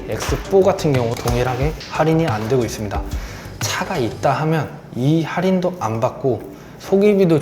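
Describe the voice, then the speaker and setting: A car dealer with a sore throat keeps his voice lower than usual as he politely and persuasively explains the month's car promotions. The room is roomy and echoey, and background music plays clearly beneath him.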